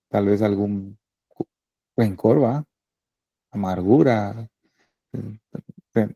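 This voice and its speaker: A male pastor preaching a sermon in a conversational way, often checking in with the congregation through quick tag questions. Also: fairly low pitch, mellow, dry recording.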